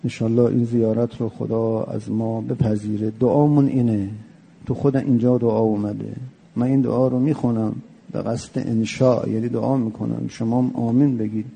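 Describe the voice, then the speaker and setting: Gravelly, dark-voiced preacher man. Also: medium pitch, little pitch movement. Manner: slowly intones Arabic phrases, then explains each in plain conversational speech. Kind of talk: sermon reading a pilgrimage prayer with commentary.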